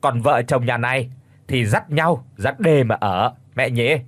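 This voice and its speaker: A man voicing a shrill, spiteful middle-aged daughter-in-law in an audiobook, hissing and scornful. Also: measured pace, close to an everyday voice. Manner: hisses and shrieks, scornful.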